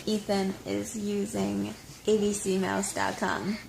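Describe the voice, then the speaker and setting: A woman's voice: medium pitch, little pitch movement, slow pace, gravelly, a little mellow. A young adult woman, a mom vlogger, chatting in an upbeat, instructive way and giving parenting tips. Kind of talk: casual vlog chat and parenting tips.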